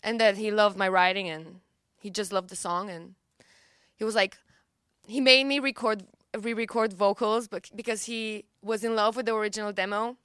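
The studio-quality recording is smooth and dry as a young Romanian-speaking singer-songwriter chats through a casual interview. She laughs easily and leans on fillers, her mid-range voice steady, a bit bright and at normal speed.

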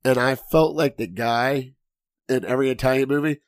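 A man hosting a casual podcast with a hoarse, cracking voice, rambling and joking at his own expense. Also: mid-range voice, normal speed, no echo, studio quality. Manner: rambling, jokey, self-deprecating. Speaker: podcast host.

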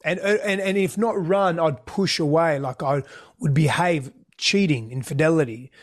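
Interviewed as a guest, this Australian man, described as Greek, talks openly and thoughtfully at a moderate pace. His voice is slightly high for a man, and he tends to double up words mid-thought as he searches for them.

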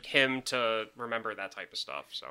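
A man's voice: on the low side, animated, normal speed, sharp tone. A man in his thirties co-hosting a casual podcast chat, rambling with restarts and laughing often. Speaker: podcast co-host.

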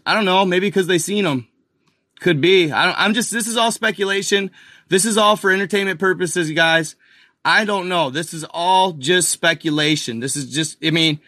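A man hosting a casual video, talking excitedly over images on screen, speculating and firing questions at his viewers. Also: a little high, no room sound, clean studio sound. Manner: addresses viewers as guys and y'all, lots of fillers. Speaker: video host.

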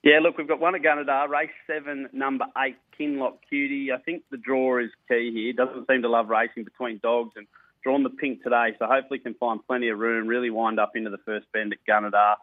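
A man's voice: medium pitch, level tone, a little fast, no room sound, phone-quality sound. An Australian man presenting greyhound racing on radio in a casual, matey, blokey and colloquial way. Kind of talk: casual sports radio interview and racing tips.

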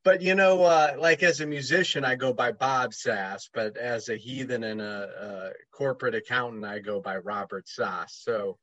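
A man's voice: mid-range voice, normal speed, hardly any pauses, fairly bright tone, dry recording, dull audio. A man who is a guest on a podcast, talking in a wry, joking way. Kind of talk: casual podcast chat.

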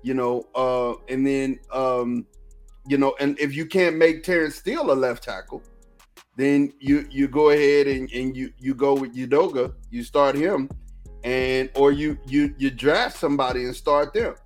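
A man's voice: medium pitch, steady tone, measured pace, soft background music. A Texan man co-hosting a casual sports podcast, rambling and repeating himself as he talks football. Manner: rambling, repeats himself, lots of "you know what I'm saying". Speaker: podcast co-host.

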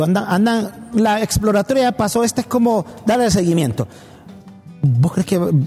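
A man's voice: high voice, mellow, husky. A man from Honduras, co-hosting a casual political talk show and arguing points and correcting details. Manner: quick, argumentative, corrects details.

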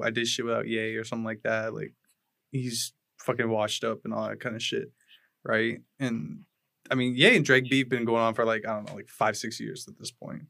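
A young man co-hosting a podcast among friends, rambling at an easy, laid-back pace and swearing freely. His voice sits at an ordinary middle pitch. The sound is dry and close, with no room echo. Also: gravelly, pushed and bright. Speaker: podcast co-host. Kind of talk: casual chat.

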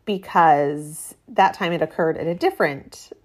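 Her voice deep and a little slow, a woman in her late thirties talks in a relaxed, chatty, informal way as the host of a solo podcast, recorded in a metal-roofed cabin during rain.

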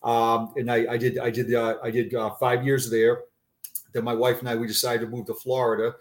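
A man in his fifties with a Boston accent, giving a conversational personal account as an interview guest, often repeating words haltingly. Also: mid-range voice, little pitch movement. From Massachusetts, United States. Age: 50s. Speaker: interview guest, retired police officer.

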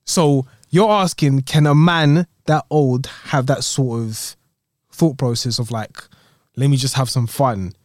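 A man's voice: medium pitch, unhurried, no echo, clean studio sound. A man with a London roadman accent talking casually to friends, insistent and repeating his phrases. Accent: London roadman, urban slang. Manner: insistent, repetitive. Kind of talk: casual anecdote among friends.

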